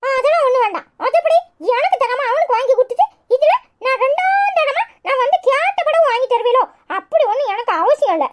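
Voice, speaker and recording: A shrill, stubborn little village girl. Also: animated, brisk, few pauses. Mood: indignant. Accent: Kanyakumari Tamil. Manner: sharp, argumentative, sarcastic retorts. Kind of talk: cartoon voice acting.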